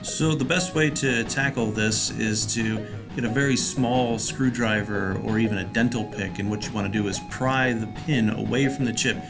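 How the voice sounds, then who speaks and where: A man giving calm step-by-step tutorial voice-over narration. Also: mid-range voice.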